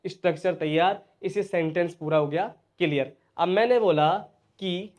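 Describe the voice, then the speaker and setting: A male English teacher with a Hindi accent and a high voice gives a spoken English lesson in Hindi. He speaks at a normal speed with a darkish tone, repeating questions to his students and then answering them himself.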